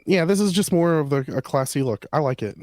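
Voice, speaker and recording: Male co-host, relaxed and scattered, dry close mic. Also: on the high side, a little fast, no room sound. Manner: easygoing, a bit scattered. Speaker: podcast co-host. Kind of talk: casual gear chat.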